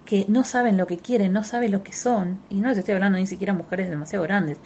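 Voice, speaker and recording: A woman's voice: mid-range voice, quick pace, darkish tone, highs cut off, a little hiss or hum. A woman therapist with a Rioplatense Spanish accent, giving an emphatic explanatory talk that addresses listeners directly and repeats key phrases.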